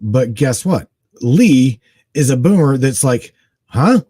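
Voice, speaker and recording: A man's voice: medium pitch, very animated, takes it slowly, dark tone, breathy edge, no room sound. A man in his forties co-hosting a talk show, speaking emphatically and animatedly with casual slang. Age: 40s. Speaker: guest co-host. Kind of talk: casual conversation.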